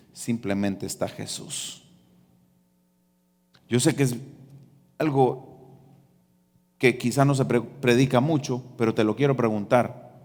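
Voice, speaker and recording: A man preaching in a large church, his fairly high voice ringing out with a long reverb tail. He calls for the congregation to respond and builds to loud, emphatic passages. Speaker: pastor. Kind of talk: sermon.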